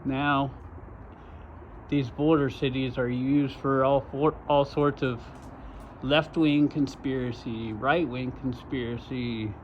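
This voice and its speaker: A man's voice: mid-range voice, steady tone, slow. A man from Arizona talking in an urgent, repetitive, emphatic way for his vlog, recorded outdoors by a road. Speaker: vlogger. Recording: lo-fi with loud outdoor noise.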